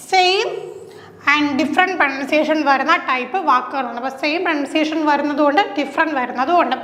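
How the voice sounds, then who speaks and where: A Malayalam-speaking woman teacher with a Malayali English accent leads an exam-prep lesson, posing questions and answering them herself. Her voice is high with a sharp tone, recorded in an echoey room with long reverb.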